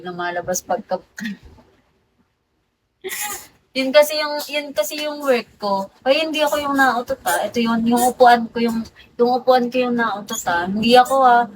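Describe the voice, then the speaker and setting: Woman streamer, hoarse voice, slightly high pitch, playful and teasing, apologetic, faint background noise. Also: poor audio. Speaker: livestream host. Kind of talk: casual livestream chat with viewers.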